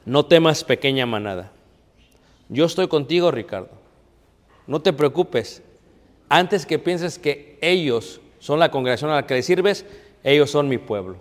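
A man voicing Jesus as a gentle protector who speaks softly and reassuringly to a worried believer. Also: fairly high pitch, expressive, a little slow, in a large hall, pitched below the performer's own voice.

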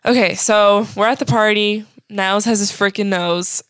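A woman's voice: mid-range voice, fairly even intonation, normal speed, fairly bright tone, clear, resonant tone, no room sound, clean studio sound. A young woman co-hosting a podcast, recapping a sitcom episode in casual chat and filling her talk with "like". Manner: chatty, quotes lines with many "like" fillers. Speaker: podcast co-host.

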